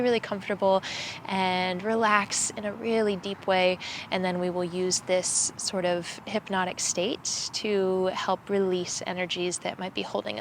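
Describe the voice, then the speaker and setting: Calm woman guiding yoga, even tone. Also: mid-range voice, vocal fry, slight background noise. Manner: calm, soothing, slow instructions. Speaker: yoga teacher. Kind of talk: guided yoga and meditation instruction. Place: outdoors in a cemetery.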